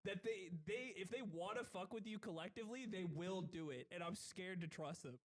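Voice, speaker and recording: A man's voice: high voice, normal speed. A man in casual chat, rambling through an anecdote and poking fun at himself. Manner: rambling, self-mocking, laughs often.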